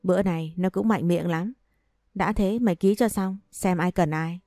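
A woman reading the lines of a sharp-tongued older mother who scolds her daughter bluntly, in an audio story. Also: lowish voice, moderate pace, no echo, studio quality, faint music behind, natural voice. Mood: scolding.

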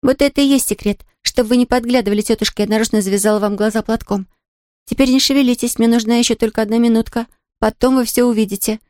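An eager, chirpy little girl, as a woman reader puts her on for an audiobook, high-pitched and rattling quickly through her lines. The sound is dry and close. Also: steady tone, dry recording, natural voice. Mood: excited. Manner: bright, chirpy and pleading. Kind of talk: audiobook character reading.

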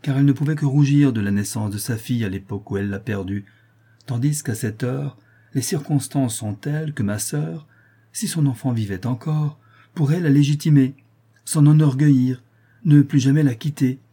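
A man's voice: mid-range voice, moderate pace, mellow, breathy edge. A man reading aloud, voicing a scheming aristocratic woman who pleads and persuades. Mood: pleading. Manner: pleading then coldly threatening.

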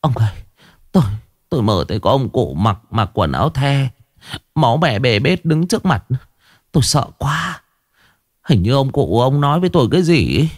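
A man's voice: medium pitch, big pitch swings, moderate pace, pauses often, no echo, clean studio sound, voice pushed up. A man voicing a frightened middle-aged village wife, who stammers and pleads. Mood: terrified.

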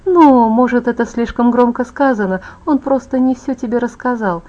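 A proud young vampire woman from an audiobook, vain and quietly bitter, voiced by a woman narrator. She speaks softly and confidingly, in a slightly high voice. The recording sounds dull and lo-fi. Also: normal speed, lightly acted.

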